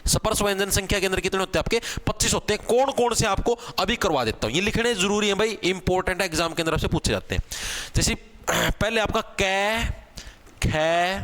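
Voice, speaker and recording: A man teaching an exam-prep grammar class, casual, asking questions and answering them himself, sounding out letters slowly. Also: sits high, lively intonation, fairly bright tone. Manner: spells out sounds slowly, one at a time. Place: online class video.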